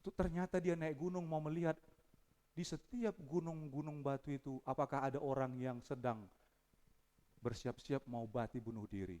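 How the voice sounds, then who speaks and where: A male pastor preaching a sermon, shifting from hushed storytelling to loud, fervent appeals. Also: mid-range voice, steady tone, moderate pace.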